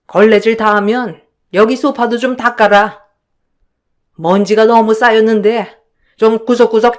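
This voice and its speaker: A woman's voice: a little high, natural voice. A woman voicing a domineering older mother-in-law who scolds and sneers in a bossy way.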